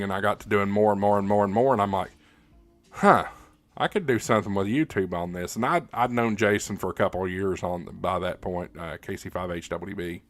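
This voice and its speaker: Speaking at a fairly low pitch with no echo, a man runs a relaxed livestream. He works through viewer comments one by one, musing aloud in a loose, chatty manner.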